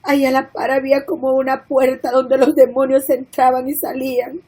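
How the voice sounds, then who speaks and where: A woman's voice: high-pitched, little pitch movement, moderate pace, mellow, poor audio. A woman telling a spoken religious testimony in an earnest, emotional way, tearful at times. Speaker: woman giving a church testimony.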